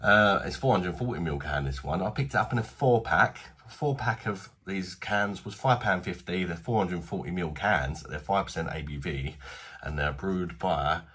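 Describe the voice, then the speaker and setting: In a small home bar, a British man in his thirties reviews a beer, chatting casually, bluntly, and with self-deprecating humor. His voice sits low and moves at a moderate pace, with a sharp tone and a breathy edge.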